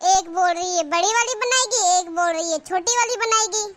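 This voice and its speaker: Lady doing a shrill bossy cartoon saas, always scolding, super high voice. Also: normal speed, slight background noise. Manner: scolding, calling out loudly. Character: nagging middle-aged mother-in-law.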